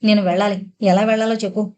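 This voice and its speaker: A woman's voice: medium pitch, level tone, quick pace, dark tone, highs cut off, close to an everyday voice. A woman reading the lines of a curious, stubborn young man from town in an audio novel, asking insistent questions.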